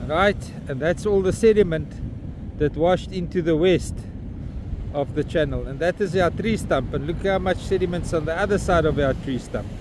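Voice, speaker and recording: A blunt South African vlogger rants outdoors at a moderate pace in a slightly high voice, walking along a windy beach at an estuary mouth. He films on a phone camera at arm's length, with wind and outdoor noise throughout.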